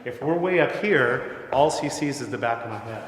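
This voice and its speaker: A man's voice: medium pitch, lively intonation, moderate pace. A middle-aged man leading a voice masterclass, talking conversationally and often checking in with his students. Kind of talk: masterclass teaching. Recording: echoey hall with long reverb, faint noise.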